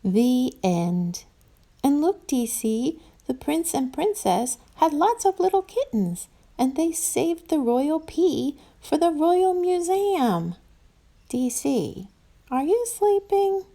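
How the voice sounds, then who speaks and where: A woman reads a picture book to small children at a slow pace, her pitch very lively. Her storyteller's delivery is expressive and playful, and she addresses her young listeners in a teasing, engaging way.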